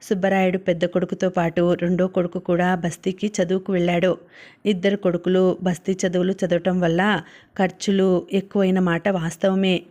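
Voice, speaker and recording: A woman narrating a story in an even, measured reading. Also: fairly low pitch. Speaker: audiobook narrator.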